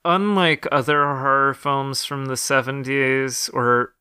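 A man's voice: medium pitch, steady tone, takes it slowly, pushed and bright, clear, resonant tone, no echo, clean studio sound. A man co-hosting a podcast, chatting casually about a horror film with many fillers and restarts. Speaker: podcast co-host.

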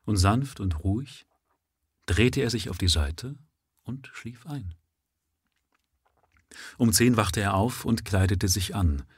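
A man reading a literary story aloud live at first sight, in a measured manner. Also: lowish voice, a little mellow, husky, dry recording, clean studio sound. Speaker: reader.

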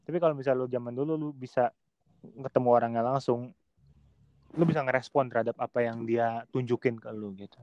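A man's voice: mid-range voice, fairly quick, no echo. Man in casual podcast chat, slangy, dry dull home-recorded sound. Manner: slangy, animated, mimics online commenters. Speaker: podcast guest.

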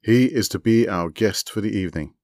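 A man's voice: lowish voice, fairly quick, a little mellow, no room sound, clean studio sound, lightly acted. A man reading a short story aloud, voicing a pompous, formal male club host with courtly, commanding manners.

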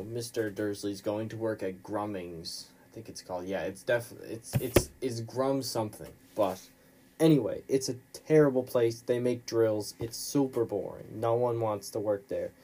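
Low, dark-voiced man casually recapping. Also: a little hiss or hum. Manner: rambling, informal storytelling with slang. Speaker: podcast host.

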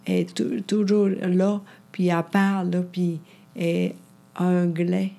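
Hesitant woman with a gravelly voice. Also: fairly low pitch, level tone, unhurried, mellow. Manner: hesitant, searches for words. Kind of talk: casual chat.

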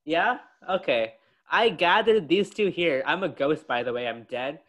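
A boastful, self-satisfied ghost of a dead president holds court in a comedy podcast skit, as a young man puts him on. The voice is bright and a little high. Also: expressive, unhurried. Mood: smug. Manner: smug, boastful.

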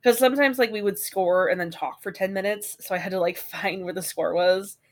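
A sick woman with a hoarse smoker's rasp, chatting casually and self-deprecatingly as a podcast co-host. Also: medium pitch, a little fast. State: sick with a cough. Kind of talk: casual chat.

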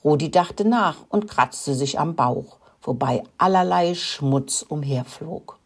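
An older woman narrating a children's story in a gentle, friendly way. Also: deep voice, takes it slowly, gravelly, husky.

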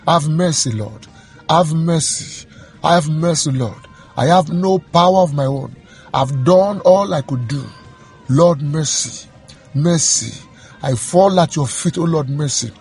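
A man's voice: on the high side, slow pace, darkish tone, soft background music. Fervent male preacher commanding in prayer. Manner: rhythmic repetition, commanding, emphatic.

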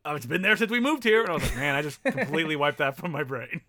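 Brief: male guest from Canada, French first language, bright tense tone, wry and laughing. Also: a little high, sing-song. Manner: self-deprecating, laughs often, quick asides. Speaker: podcast guest, filmmaker. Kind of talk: casual chat.

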